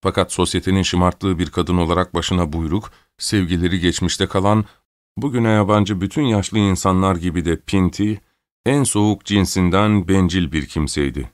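Male audiobook narrator, low voice, steady and measured, very dry close sound. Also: dry recording. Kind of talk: audiobook reading.

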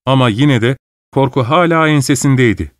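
A man narrates a classic story at an even, measured pace. His voice sits in a middle register. The recording is close and dry, with no room echo. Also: medium pitch. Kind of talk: audiobook narration.

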